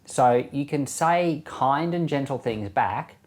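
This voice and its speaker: Chuckling pastor reading and commenting. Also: male voice, mid-range voice. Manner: relaxed conversational delivery with frequent soft chuckles; reads verses slowly and deliberately.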